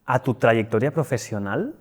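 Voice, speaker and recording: A man's voice: mid-range voice, animated, moderate pace, a little mellow, slightly rough. A man from hosting an interview podcast, talking in a chatty, enthusiastic and rambling way. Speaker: podcast host. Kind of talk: interview host.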